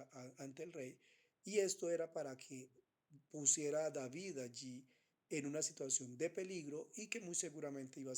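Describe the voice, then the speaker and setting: A man giving an unscripted Bible teaching, pausing often with fillers and restarting his phrases. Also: a little high, darkish tone. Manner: hesitant, many fillers and restarts.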